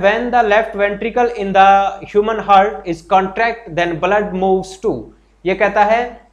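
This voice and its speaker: A high-voiced man runs a live online exam-prep class. He is chatty and encouraging, repeats every point and keeps asking his students questions. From Haryana, India. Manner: greets viewers and reads their comments aloud. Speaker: teacher.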